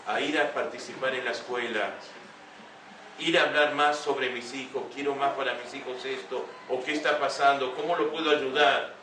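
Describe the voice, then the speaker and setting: An older man speaks earnestly to a young audience, stopping often to ask rhetorical questions. His voice comes from some way off the mic in an echoey room, with steady room noise behind him. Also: mid-range voice. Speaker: speaker giving a talk. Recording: echoey room heard from a distance.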